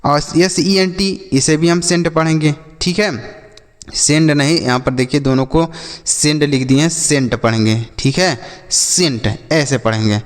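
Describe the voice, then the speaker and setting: A man's voice: on the high side, moderate pace. A man teaching an English vocabulary lesson, spelling words letter by letter and asking questions that he answers himself. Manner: asks questions and answers them himself, addresses viewers as children. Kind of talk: classroom-style vocabulary lesson. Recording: long hall reverb.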